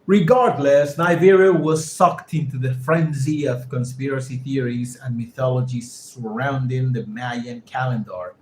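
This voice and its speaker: A man's voice: mid-range voice, measured pace, hardly any pauses, a little mellow. A man whose first language is Spanish reads an English text aloud for a lesson, stopping to define words and repeat their pronunciations. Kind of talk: reading a text aloud and explaining vocabulary. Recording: echoey room with faint ambient noise.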